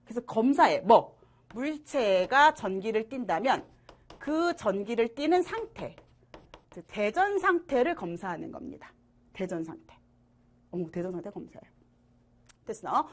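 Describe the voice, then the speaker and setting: A woman's voice: fairly high pitch, a little slow. A woman teaching middle school science in an online lecture, playful and constantly checking that students follow. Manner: animated, asks students frequent check questions; jokey and playful.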